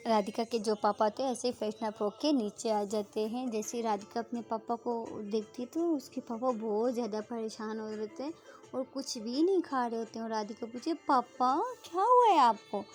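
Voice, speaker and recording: A woman's voice: a little high, steady tone, moderate pace, dark tone, soft background music. A woman storyteller narrating casually, rambling, repeating phrases and restarting names.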